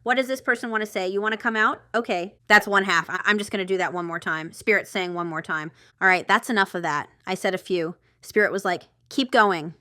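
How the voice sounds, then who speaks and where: This channel host reads tarot in a loose, intuitive way, talking straight to camera and wandering off into asides as she thinks out loud. She speaks at a medium pitch, a little quickly and with few pauses, her tone pushed and bright on a dry, studio-quality recording.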